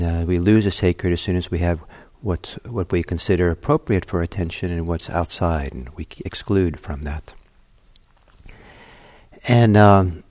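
Low-voiced, gentle meditation teacher. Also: male voice, no echo. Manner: gentle, unhurried, many soft fillers. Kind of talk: dharma talk leading into guided meditation. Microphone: computer livestream setup.

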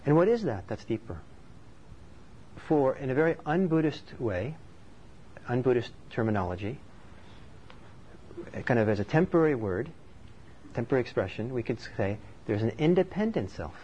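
A Norwegian man gives a dharma talk as a meditation teacher, thoughtful and conversational, in a warm, medium-pitched voice. His delivery is sing-song at a normal speed, with long pauses. The recording is slightly dull, with faint background noise.

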